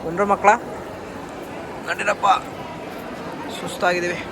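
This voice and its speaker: A young man vlogging casually outdoors, teasing his friends in quick banter. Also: sits high, level tone. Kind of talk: casual travel vlog chat. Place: outdoors at a busy temple area and parking lot. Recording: busy crowd and street noise.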